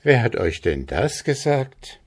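A man's voice: mid-range voice, sing-song, slow, breathy edge, voice pushed up, exaggerated voice. A man voicing an honest but shrewd young peasant lad, talking plainly while playing the simpleton, in an audiobook. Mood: wary. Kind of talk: audiobook character voice.

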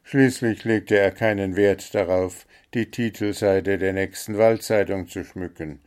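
Male storyteller, slow, measured, bedtime-story reading. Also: deep voice, fairly even intonation, darkish tone, smooth.

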